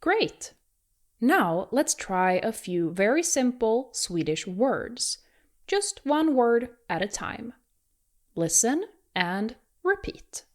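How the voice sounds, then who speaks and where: A woman's voice: a little high, sing-song, slow pace. A woman teaching pronunciation in an encouraging, reassuring way, demonstrating exaggerated rolled R sounds for learners to repeat. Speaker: language teacher. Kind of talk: pronunciation lesson with pauses to repeat.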